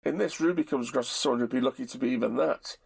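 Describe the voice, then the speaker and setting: A man's voice: mid-range voice, very fast, vocal fry, a little mellow, slightly rough. A man co-hosting a casual review chat, wry and sarcastic. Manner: wry, sarcastic, quotes in mocking voices. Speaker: podcast co-host.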